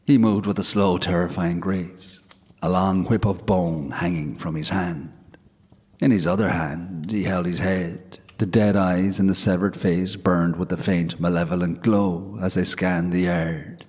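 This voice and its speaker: A man narrating a scripted ghost story in a measured, hushed way. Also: low-pitched, steady tone, slightly rough. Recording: long hall reverb.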